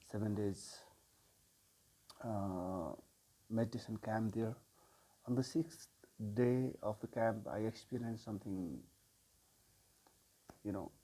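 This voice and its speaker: A man in his forties with a Nepali accent tells his life story as a sound healer to the camera. His mellow, rather low voice is slightly rough, and he speaks very slowly with many pauses and filler sounds. The audio is poor.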